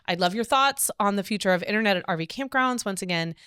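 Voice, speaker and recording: A woman's voice: medium pitch, quick pace, clean tone, no room sound, studio quality. Playful female podcast co-host. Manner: playful, teasing, animated. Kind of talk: casual chat.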